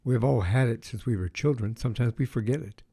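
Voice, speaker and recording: A man hosting a podcast, reading a scripted intro and then chatting with a guest in a measured way, pausing with fillers. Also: medium pitch, creaky, mellow, breathy edge. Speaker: podcast host.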